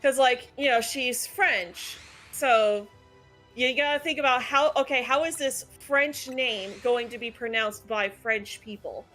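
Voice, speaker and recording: Bright, opinionated woman chatting about games. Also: a little high, unhurried. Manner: opinionated, analytical, lots of "like" fillers. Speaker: channel host. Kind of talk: casual gaming chat. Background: faint background music.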